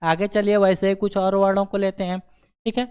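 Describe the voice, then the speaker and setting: A man's voice: sits high, level tone, fairly quick, a little mellow, smooth. A man teaching a grammar lesson, explaining step by step and checking in with the class after nearly every phrase. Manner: repeats "ठीक है ना" as a check-in filler.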